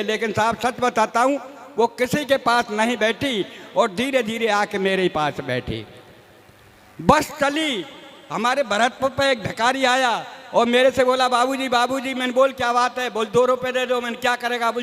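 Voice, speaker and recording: High-voiced folksy comic poet in echoey hall. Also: male voice, normal speed, fairly bright tone. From Rajasthan, India. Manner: folksy, self-mocking, addresses audience as sahab. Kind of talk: stage comedy poetry recital. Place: live poetry stage before audience.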